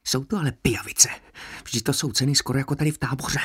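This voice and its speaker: A man's voice: mid-range voice, steady tone, a bit bright, slightly rough, dry recording, studio quality, voice pushed up. A man voicing a whining, anxious male prisoner who haggles and complains plaintively. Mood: complaining.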